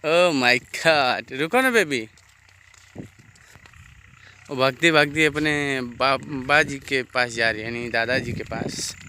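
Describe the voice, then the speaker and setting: A man's voice: medium pitch, slow pace, pauses often, sharp tone, slight background noise. A man vlogging outdoors beside farm fields, coaxing a little girl along and dropping simple English phrases into his talk. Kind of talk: casual outdoor vlog.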